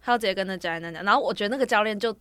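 A woman's voice: mid-range voice, very fast, fairly bright tone, clear, resonant tone, dry recording. A young woman, telling a long story on a casual podcast, rambling from clause to clause with fillers. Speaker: podcast co-host.

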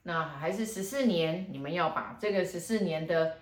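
Feng shui master, lower-pitched woman, chatty storyteller who laughs often, recorded in a roomy space. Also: normal speed. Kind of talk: casual storytelling chat. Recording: roomy echo.

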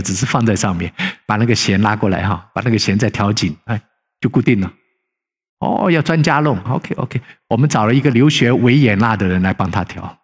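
A man's voice: mid-range voice, slightly rough. A middle-aged male pastor preaching a conversational sermon, telling stories animatedly and acting out the people he quotes in a raised voice. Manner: frequent tag particles, conversational preaching. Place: church sanctuary. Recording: long hall reverb.

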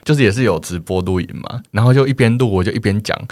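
A man co-hosting a casual podcast, teasing his partner in quick banter. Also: fairly low pitch, darkish tone. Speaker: podcast co-host.

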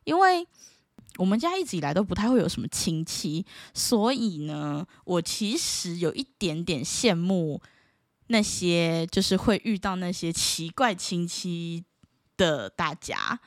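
Animated Taiwanese woman telling stories. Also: on the low side, unhurried, no echo, studio quality. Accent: Taiwanese Mandarin. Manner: animated, playful, laughs often. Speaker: vlogger. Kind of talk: casual storytelling.

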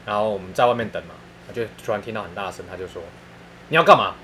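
A man's voice: on the low side, steady tone, very fast, slight background noise. A man with a Taiwanese Mandarin accent telling funny stories in casual chat, laughing often and using crude slang.

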